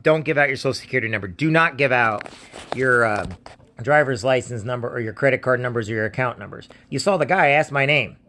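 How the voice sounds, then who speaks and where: Here an American man in a slightly bright mid-range voice delivers casual warnings to viewers and on the phone. Cast as an identity theft protection seller in a scam-warning video, he's insistent, plain-spoken, and repetitive.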